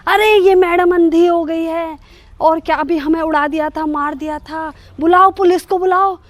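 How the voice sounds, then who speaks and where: A woman's voice: extremely high pitch, fairly even intonation, moderate pace, no echo, voice pushed up. A woman voicing an angry elderly man who has just been clipped by a car, calling for the police. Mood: outraged.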